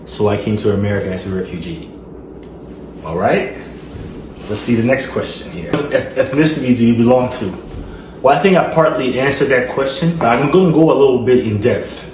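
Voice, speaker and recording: A man from Liberia, West Africa, with a Liberian accent hosts his channel in a casual Q&A vlog, answering fan questions earnestly with a medium-pitched, brisk voice. He uses frequent fillers and repeated phrases, and the echoey room is noisy.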